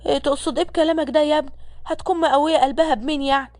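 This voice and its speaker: A woman's voice: sits high, fairly even intonation, racing, darkish tone, dry recording, natural voice. A woman voicing a kindly older mother with an Egyptian accent, fussing over and soothing the people around her. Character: kindly older mother, teasing but caring.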